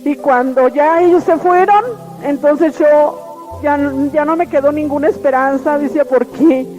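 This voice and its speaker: Woman, earnest testimony, repetitive telling, lo-fi radio, soft music behind. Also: high-pitched, steady tone, moderate pace. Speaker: testimony giver. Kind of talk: personal religious testimony. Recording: lo-fi radio broadcast with faint music.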